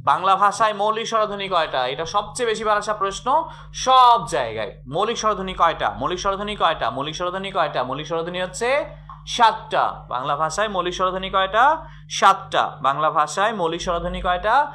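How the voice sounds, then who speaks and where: A man's voice: high voice, animated, a little fast, sharp tone. A middle-aged man teaching a live online grammar class, repeating questions over and over and coaxing his students to answer.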